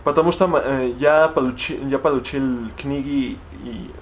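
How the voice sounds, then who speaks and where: Here a man whose first language is Spanish vlogs unscripted in a language he's still learning, stumbling through restarts and fillers as he gropes for words. His pitch is medium and his tone steady. The audio sounds dull, with slight background noise.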